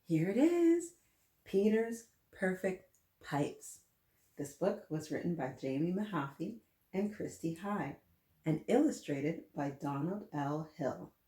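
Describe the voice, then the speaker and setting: A woman with a deep, mellow voice hosts a story time for young children, reading aloud and chatting with them. She is encouraging and speaks to her listeners directly with simple questions. The room sounds roomy and echoing.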